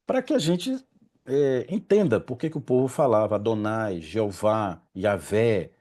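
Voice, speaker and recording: A man's voice: lowish voice, lively intonation, measured pace, mellow. Hesitant man leading a religious study. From Brazil. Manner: hesitant, self-correcting, admits trouble pronouncing Hebrew names. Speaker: study group presenter. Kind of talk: informal religious study talk.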